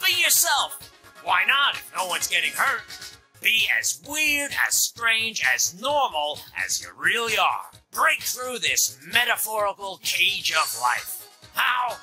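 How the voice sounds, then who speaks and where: Peppy tutorial coach, sharp and lively, light music behind. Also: mid-range voice, slow pace, full character voice, rough recording. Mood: motivational. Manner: peppy, enthusiastic. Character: upbeat, motivational tape-recorded coach teaching refusal. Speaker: in-game tutorial instructor. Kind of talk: video game voice acting.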